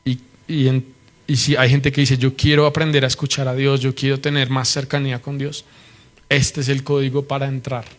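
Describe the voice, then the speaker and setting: A man's voice: medium pitch, level tone, moderate pace. A man preaching a sermon, earnestly and reverently teaching, often asking his listeners questions.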